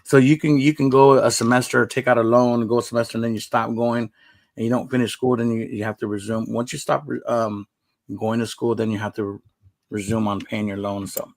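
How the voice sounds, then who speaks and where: A man's voice: mid-range voice, little pitch movement, brisk, vocal fry, poor audio. A man hosting a live stream, chatting in an easygoing, rambling way. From United States. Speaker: livestream host. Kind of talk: casual live-stream chat.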